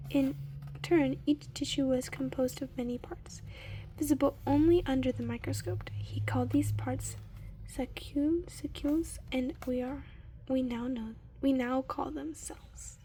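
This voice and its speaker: Soft-spoken and high-pitched, a woman gives an unhurried ASMR reading from a book. Her gentle, breathy delivery often sinks into whispers, punctuated by murmured asides.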